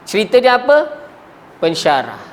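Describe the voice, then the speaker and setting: A man with a Malaysian Malay accent teaches Arabic grammar to a class, often questioning his students, coughing, and sometimes trailing off mid-word. His voice is high, with wildly swooping pitch at a normal speed, and a little hiss or hum is audible.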